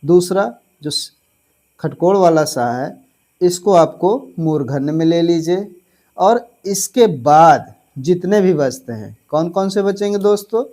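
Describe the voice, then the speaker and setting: High-voiced male grammar teacher. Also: expressive, mellow. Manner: addresses viewers as friends, repeats and drills syllables slowly. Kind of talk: online exam-prep lesson.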